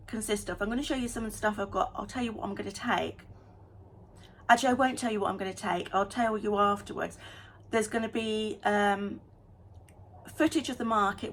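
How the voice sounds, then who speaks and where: A woman vlogging in a casual, chatty way, talking fast and getting excited about small things. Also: medium pitch, a little hiss or hum. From United Kingdom. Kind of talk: casual vlog chat.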